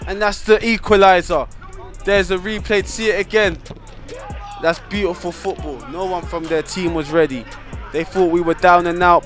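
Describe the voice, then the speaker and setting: Male football vlogger, slightly high voice, casual highlights commentary over prominent music. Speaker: player-commentator of a football vlog. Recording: loud music behind the voice.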